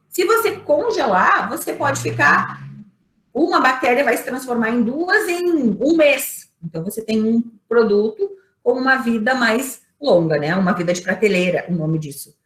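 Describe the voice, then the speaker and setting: A woman's voice: fairly high pitch, a bit bright. A woman with a Brazilian Portuguese accent teaching an online microbiology class, explaining step by step, asking rhetorical questions and checking in with her students. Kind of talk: online lecture. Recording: echoey room.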